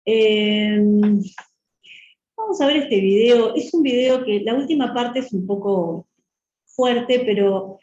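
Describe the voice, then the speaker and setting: A woman's voice: medium pitch, dark tone. Woman with a Uruguayan accent giving a talk. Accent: Uruguayan Spanish. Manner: measured, thoughtful, frequent rhetorical tag questions. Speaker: guest speaker. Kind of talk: lecture talk. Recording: echoey, muffled room recording with faint hiss.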